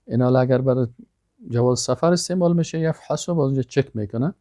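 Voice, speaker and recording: A man's voice: mid-range voice, dark tone, no echo, clean studio sound. A man teaching an Arabic lesson. He reads out words one at a time, then explains them in plain everyday speech. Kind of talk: language lesson with pronunciation drills.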